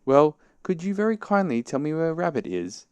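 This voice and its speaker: A man voicing a greedy, good-natured, slow-witted bear in a children's storybook, earnest, bumbling and easily flustered. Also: a little high, sing-song, darkish tone, clear, resonant tone, dry recording, pitched above the performer's own voice. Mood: puzzled, earnest. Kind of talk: children's storybook character reading.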